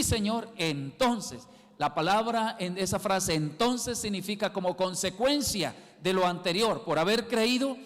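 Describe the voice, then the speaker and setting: A male pastor with a high voice preaches in a church hall with a long reverb around him. He takes his time, swinging from loud emphatic lines to soft quiet ones and repeating his key words. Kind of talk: sermon.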